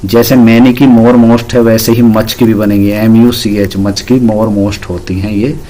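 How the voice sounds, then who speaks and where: A man's voice: lowish voice, little pitch movement, normal speed, mellow. A man teaching an English grammar lesson, patiently explaining rules and spelling words out letter by letter.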